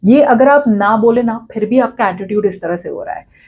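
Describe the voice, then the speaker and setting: Woman doing a casual tarot reading, slightly high voice, blunt and direct, switches between hindi and english. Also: moderate pace, a little mellow, husky, highs cut off. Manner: acts out quoted lines to the listener. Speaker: tarot reader.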